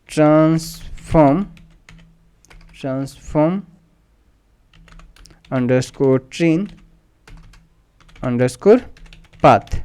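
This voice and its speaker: A man with a high, darkish voice leads a screen-recorded coding tutorial as the instructor. He types code while reading it out loud, calmly explaining each step and slipping English terms into his talk.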